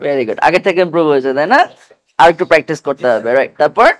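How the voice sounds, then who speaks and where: A man teaching English pronunciation to a class, drilling letters slowly and patiently for students to repeat. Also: on the high side, lively intonation. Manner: slow, patient, repeats each sound for students to echo.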